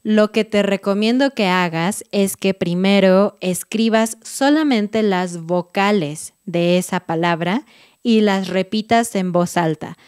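A woman's voice: medium pitch, takes it slowly, a little mellow, clear, resonant tone, no room sound, clean studio sound. A young woman with a Mexican Spanish accent teaching a pronunciation lesson, drawing out each vowel with exaggerated mouth shapes.

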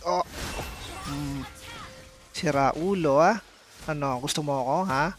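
A man streaming live gameplay, excitable and commenting as he plays, with sudden exclamations and playful taunts at his opponents. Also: a little high, unhurried, faint music behind. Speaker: game streamer.

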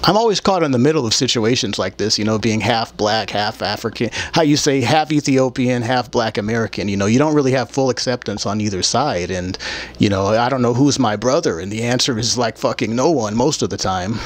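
With a mid-range voice, lively intonation and a brisk pace, a man in his thirties hosts his own show. His monologue to camera rambles and is opinionated, blunt, aggrieved and profane, recorded in a small room. He speaks into a desktop microphone he later holds in hand, and the clear audio has background noise and room ambience.

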